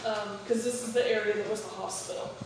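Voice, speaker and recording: A woman's voice: mid-range voice, fairly even intonation, fast. A woman guiding visitors inside an old house, explaining things casually. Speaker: house guide. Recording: very echoey, distant, noisy room.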